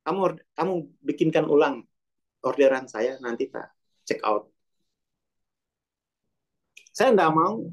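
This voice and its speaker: A man giving an informal, rambling self-development lesson over a video call, speaking in a loose, colloquial way. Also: on the high side.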